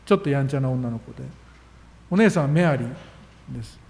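A man's voice: mid-range voice, animated, fairly quick, gravelly, darkish tone. A man preaching a sermon as a pastor, earnest and emphatic, with sudden rises in his voice. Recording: long reverb of a hall.

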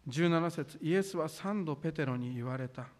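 牧師の男性が、丁寧な文末で、ゆっくりと厳かに説教している。. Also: male voice, a little high. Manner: solemn, deliberate preaching with formal sentence endings. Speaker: pastor. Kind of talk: sermon.

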